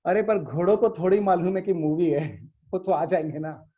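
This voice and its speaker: A man's voice: high voice, normal speed, lightly acted. A man voicing a naive village man who panics at the screen, crying out frantically over a dull video call. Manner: frantic cries for help.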